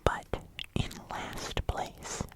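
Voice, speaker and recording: Breathy whispering ASMR host. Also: extremely slow. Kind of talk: whispered ASMR taste-test vlog.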